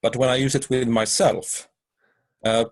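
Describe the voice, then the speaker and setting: Brief: a man with a husky voice in a dry, close recording, hesitant and halting as he asks a question. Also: mid-range voice, little pitch movement, no room sound. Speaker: audience member asking a question.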